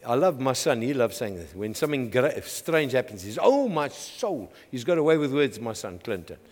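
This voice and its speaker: A middle-aged man with a South African accent, preaching a lively call-and-response sermon to his church. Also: medium pitch, fairly quick. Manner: energetic, call-and-response, frequent "Amen". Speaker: pastor. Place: church hall. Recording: long hall reverb.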